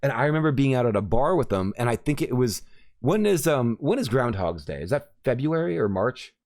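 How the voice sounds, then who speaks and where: A man's voice: mid-range voice, lively intonation, brisk, a little mellow. A man hosting a podcast, chatting casually and rambling through a story with many fillers. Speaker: podcast host. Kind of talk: casual chat.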